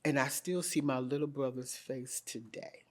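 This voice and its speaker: A middle-aged woman, an interview guest, telling her story in a candid, animated way and quoting herself with emphasis. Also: a bass voice, moderate pace.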